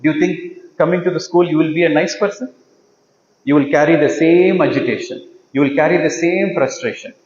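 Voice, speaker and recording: A man's voice: fairly high pitch, fairly quick, darkish tone. A man delivers a motivational talk to teachers in a large hall. He repeats his points and keeps asking the audience to agree with him. The sound is dull and muffled, with a long reverb from the room. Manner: repetitive, asks the audience questions. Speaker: meditation teacher. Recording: dull echoey hall recording.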